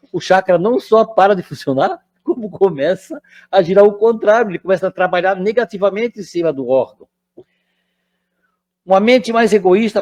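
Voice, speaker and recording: An older man lectures at a spiritist center in a relaxed, conversational way. His voice sits noticeably high, and he keeps turning to the audience to check that they are following.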